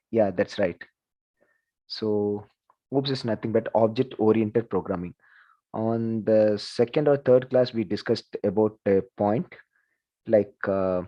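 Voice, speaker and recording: A man's voice: lowish voice, muffled recording. A man teaching an online class, chatty, asking the students questions and saying "like" and "okay" often. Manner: conversational, repeats "like" and "okay", asks the class questions. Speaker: lecturer. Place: video call.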